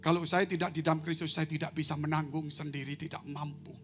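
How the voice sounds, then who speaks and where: Male pastor giving a sermon, music under it, goes loud then drops to near whispers. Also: a little high, level tone, quick pace. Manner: swings between loud exclamations and soft, hushed asides; storytelling, addresses congregation as saudara. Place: church service, online broadcast. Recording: music playing behind the voice.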